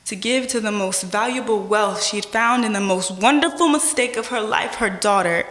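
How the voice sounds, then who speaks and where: A woman's voice: medium pitch, fairly bright tone. Echoey spoken word poetry from a woman. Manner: dramatic rhythmic delivery with deliberate pauses and swells. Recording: echoey hall with long reverb.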